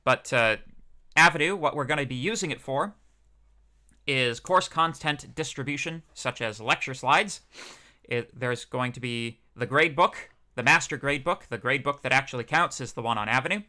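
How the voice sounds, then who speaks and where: A man's voice: mid-range voice, normal speed, pushed and bright. A young man, a PhD student teaching a university course, giving a casual livestreamed lecture in a chatty, rambling way with many fillers.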